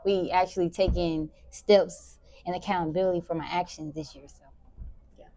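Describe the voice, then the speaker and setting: Give me a low-voiced teenage girl from Memphis, answering questions casually, recorded dry. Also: normal speed, dry recording. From Memphis, Tennessee. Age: teens. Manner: relaxed, rambling, many "like" fillers. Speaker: high school sprinter interviewee.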